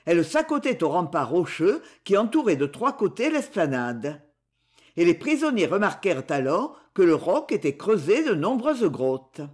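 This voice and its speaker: A woman narrating an old adventure novel aloud, reading with lively expression. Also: on the low side, moderate pace. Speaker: audiobook reader. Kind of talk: scripted narration.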